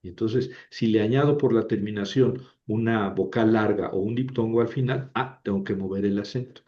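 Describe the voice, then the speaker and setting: A man teaches a language lesson as a lecture, explaining patiently and frequently checking in with "¿verdad?" His voice is on the low side and warm at a normal pace, in a dull lo-fi recording.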